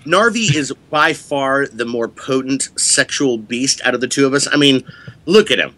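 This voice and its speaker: A man's voice: mid-range voice, moderate pace, bright, forceful tone. A middle-aged man, a podcast guest, chatting in a rambling, self-mocking, wisecracking way. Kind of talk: joking podcast chat.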